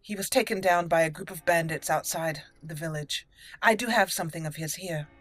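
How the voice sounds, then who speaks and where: With game music in the background, a woman hosts a let's play, alternating between in-character lines and her own remarks. Her voice is fairly low and fairly bright, delivered fairly quickly, with no echo.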